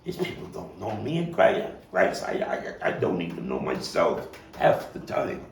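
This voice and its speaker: A playwright and actor, heard distantly in an echoey room with faint noise, performs a dramatic stage monologue at a table read as a nostalgic Brooklyn man looking back and searching his soul. His very low, unhurried voice swings hugely in pitch, from hushed to emphatic, with halting repeats. It is heavily acted, brooding and anguished.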